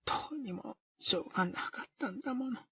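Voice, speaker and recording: A man voicing a bedridden, dying woman who speaks slowly and listlessly in a dry, rasping half-whisper. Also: very high-pitched, animated, sharp tone, dry recording, pitched above the performer's own voice, exaggerated voice. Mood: weary pleading. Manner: slow, listless, pleading.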